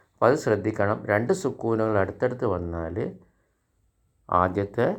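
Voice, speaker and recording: A man from India, giving an Arabic grammar lesson. He speaks slowly through example sentences and asks his learners questions. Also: on the low side. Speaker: Arabic teacher.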